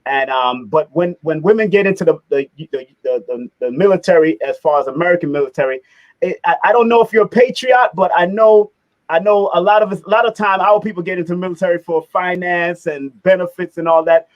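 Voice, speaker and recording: A middle-aged man hosting a casual interview, animated, repeating his words and laughing often. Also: sits high, fairly quick, dull audio. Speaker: host.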